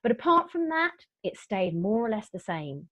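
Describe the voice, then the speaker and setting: Very animated, with a fairly bright, medium-pitched voice at a moderate pace, a middle-aged woman presents a property investment webinar in a chatty, upbeat style, often restarting and using fillers. The dry, dull lo-fi audio has no echo.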